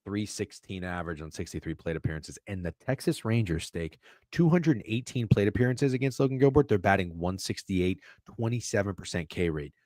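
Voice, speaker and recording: A man co-hosting a sports betting podcast in casual chat, excitable, swearing freely and tripping over his words. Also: sits low, a little fast, no room sound, studio quality.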